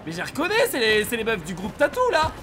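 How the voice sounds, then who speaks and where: A young man streaming a game, reacting excitedly and shouting at the action. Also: very high-pitched, fast talker. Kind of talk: live gameplay commentary.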